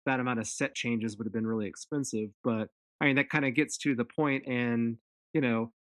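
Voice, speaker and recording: Relaxed man musing on a podcast. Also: medium pitch, brisk. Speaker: podcast co-host. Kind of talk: casual chat.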